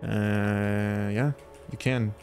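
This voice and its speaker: A man's voice: on the low side, level tone, drawn-out words, a little mellow, soft background music. A man from Lithuania, casually commenting on gameplay and chatting with his viewers. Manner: chatty, thinking aloud, talks to chat. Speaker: gaming livestreamer.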